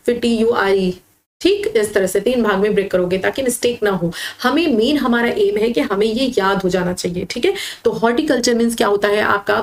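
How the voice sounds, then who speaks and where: A woman teaching vocabulary with slides, patiently explaining and slowly spelling words syllable by syllable. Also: medium pitch. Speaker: English teacher for exam prep. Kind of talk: slide-based lesson.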